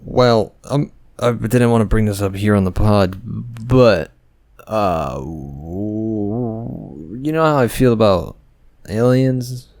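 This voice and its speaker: Male podcast co-host, very low pitch, playful asides, dry recording. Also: animated, slow, darkish tone, no room sound. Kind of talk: casual book discussion.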